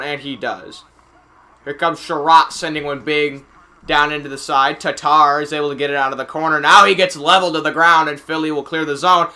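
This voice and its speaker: Bright excitable young-sounding male commentator. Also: a little high. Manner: excitable, rising to shouts on big plays; chatty asides with fillers. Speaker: amateur play-by-play commentator. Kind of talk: casual live game commentary.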